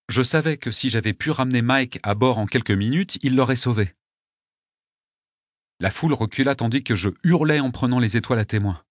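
A man's voice: mid-range voice, no room sound. Man reading a story, dry sound. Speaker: audiobook narrator. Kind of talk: scripted narration.

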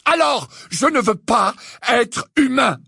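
A man voicing a grieving teenage boy wizard who trembles and shouts in rage, in an audiobook. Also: medium pitch, big pitch swings, moderate pace, creaky, slightly rough, no echo, clean studio sound, full character voice. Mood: furious. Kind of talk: audiobook character voice.

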